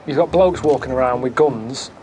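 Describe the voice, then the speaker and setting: A man who grumbles in a deadpan way about his travels. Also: mid-range voice, normal speed. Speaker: traveller on a documentary show. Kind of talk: grumbling to camera.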